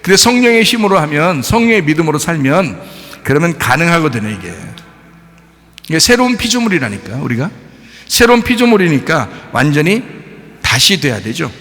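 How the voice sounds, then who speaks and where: A middle-aged male pastor preaching a sermon in a folksy, animated way, acting out quotes with laughter. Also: a little high, normal speed. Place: large church hall. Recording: reverberant church hall.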